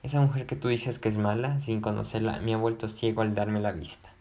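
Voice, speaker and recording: A man reading aloud, voicing an agitated, lovesick gentleman who pleads and repeats himself. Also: lowish voice, steady tone, brisk, close to an everyday voice. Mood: impassioned. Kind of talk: audiobook narration.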